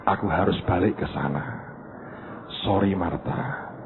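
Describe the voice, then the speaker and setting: A preacher plays Jesus as a calm, somewhat weary grown man, speaking low and unhurried. His tone is soft and patient, and the sound is thin and phone-like with faint background noise. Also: vocal fry. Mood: gentle. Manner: soft, low, unhurried, sprinkled with English phrases.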